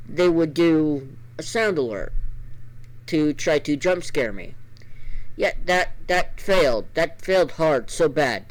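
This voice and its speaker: A man streamer telling a casual story before a let's play, rambling with restarts, his voice a bit gravelly. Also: fairly high pitch, low-quality recording. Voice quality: normally gravelly voice.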